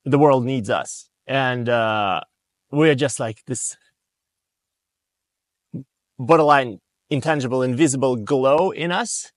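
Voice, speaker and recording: A man's voice: mid-range voice, slow pace, long pauses, dry recording. Male, 30s, Russian accent, non-native English; reflective podcast guest, middle register, dry room. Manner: reflective, hesitant with frequent fillers. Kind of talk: casual conversational storytelling.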